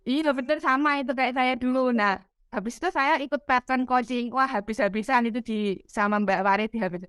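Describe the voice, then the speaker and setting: Candid mother in casual chat, fairly high smooth voice, dry close recording. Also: brisk, fairly bright tone, no echo. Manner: candid, self-deprecating, quotes her child. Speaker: parent sharing experience.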